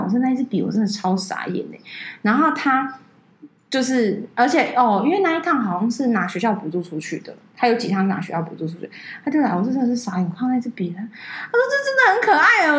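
A woman co-host tells stories in a casual, animated chat, her voice swinging widely. She talks fast and sits fairly high. The room adds a noticeable echo. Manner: animated storyteller, mimics people in a high voice. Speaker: podcast co-host.

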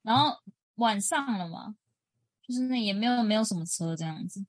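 A woman's voice: mid-range voice, expressive, normal speed, dry recording. A woman, co-hosting a podcast and telling casual anecdotes. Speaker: podcast co-host. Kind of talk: casual chat.

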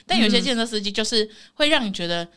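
A woman's voice: mid-range voice, rapid-fire, smooth. A young woman with a Taiwanese Mandarin accent, co-hosting a podcast and telling stories in casual chat, laughing often. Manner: laughing, animated storytelling. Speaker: podcast co-host.

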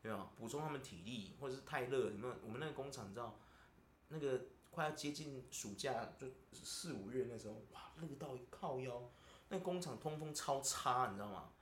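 Animated Taiwanese-accented man venting. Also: medium pitch, a little fast, slight background noise. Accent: Taiwanese Mandarin. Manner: animated venting, keeps asking "you know?". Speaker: podcast host. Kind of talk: casual chat. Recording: roomy echo.

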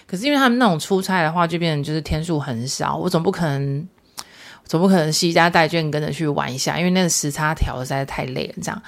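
Speaking fast in a low voice, this female podcaster has a Taiwanese Mandarin accent. Her casual, chatty monologue about everyday life mixes in Hokkien expressions.

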